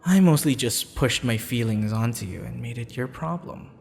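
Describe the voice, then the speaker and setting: A man playing a courteous, flirtatious assassin in an intimate ASMR roleplay, smitten and slightly sheepish, speaking softly and formally with hesitant pauses. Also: medium pitch, animated, creaky. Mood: warm, apologetic. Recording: long reverb, music behind.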